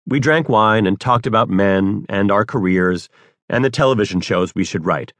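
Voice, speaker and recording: A man narrating his own memoir as an audiobook, with wry, deadpan humor. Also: lowish voice, moderate pace, no echo.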